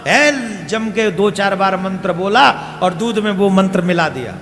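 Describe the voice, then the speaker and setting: Male preacher, story sermon, animated, quizzes the crowd; high voice, faint music in the background. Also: a little slow. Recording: reverberant hall with faint music.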